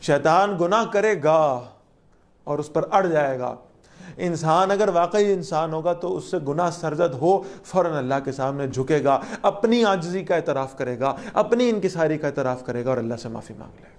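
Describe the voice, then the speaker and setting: A woman giving a Quran lesson, reciting Arabic verses and explaining each one with questions to her listeners. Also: low-pitched. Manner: lively, asks the listeners questions. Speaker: Quran teacher.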